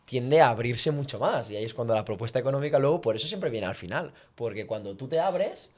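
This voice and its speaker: Man, communication coach, podcast chat, lively quoted voices. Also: fast talker. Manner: animated, acts out quoted speech with big pitch jumps. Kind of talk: podcast conversation, teaching.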